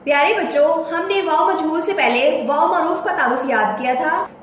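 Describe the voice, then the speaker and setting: High-voiced woman teacher, echoey room. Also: slight background noise. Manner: slow, spelling words out letter by letter. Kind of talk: children's Urdu reading lesson. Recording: very echoey room, faint ambience.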